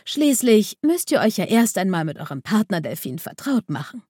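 A woman's voice: mid-range voice, big pitch swings, normal speed, darkish tone, slightly rough, dry recording, clean studio sound. A woman voicing Frau Meersand, a kind mermaid teacher who explains patiently, in a storybook reading. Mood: reassuring.

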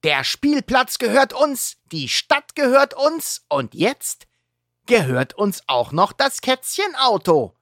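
A woman's voice: lowish voice, sing-song, slow pace, no echo, studio quality, pitched above the performer's own voice, exaggerated voice. A woman voicing a howling, mocking werewolf kid who jeers at the heroes. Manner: mocking, jeering.

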